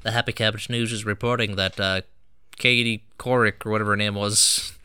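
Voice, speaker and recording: A wisecracking man co-hosting a casual chat, his voice a touch low but bright and forceful. His tone is crisp and smooth, recorded dry and close with no room sound. He slips deadpan jokes into the talk. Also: brisk, no room sound. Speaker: podcast co-host.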